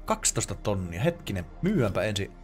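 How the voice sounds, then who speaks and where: Over music, a Finnish man with a lowish voice gives casual, excitable let's play commentary, swearing and yelping and laughing at what happens in the game.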